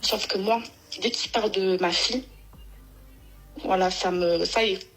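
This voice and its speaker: A woman's voice: medium pitch, fairly even intonation, unhurried, slightly rough, faint music behind, poor audio. A woman phoning in to tell a long personal story, rambling and emotional, with many restarts. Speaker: caller. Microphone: phone.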